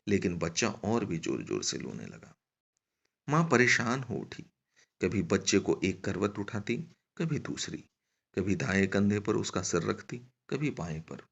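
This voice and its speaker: Deep, gravelly male storyteller. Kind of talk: scripted story narration. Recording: dull lo-fi recording.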